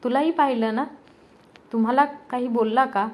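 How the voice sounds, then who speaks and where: A woman's voice: a little high, steady tone, normal speed, darkish tone, natural voice. A woman reading the lines of a humble older father who works as a watchman, in a storybook telling.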